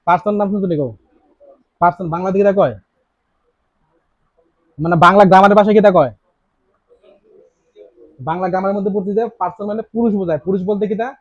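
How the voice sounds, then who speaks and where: Male tutor, high pitch, keeps firing questions at the class, dry room. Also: fast, pauses often, no room sound. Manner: asks students many rhetorical questions; repeats key words. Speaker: teacher. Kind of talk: classroom grammar lesson. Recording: dry, slightly dull lo-fi sound.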